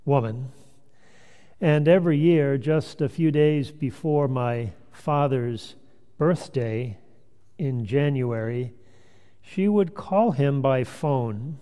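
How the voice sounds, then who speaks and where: Casting note: middle-aged male minister, slow and gentle storyteller, mellow tone, long church reverb. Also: medium pitch. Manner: gentle, measured storytelling with quoted voices. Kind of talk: storytelling sermon. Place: church sanctuary.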